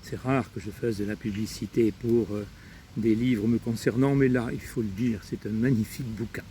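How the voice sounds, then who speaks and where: A man hosting a poetry reading, speaking in a measured, deliberate way and reciting verse solemnly in a park. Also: lowish voice, fairly even intonation, warm tone, a little hiss or hum. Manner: measured, deliberate, with long pauses. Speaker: poetry reader and host. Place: outdoors in a park.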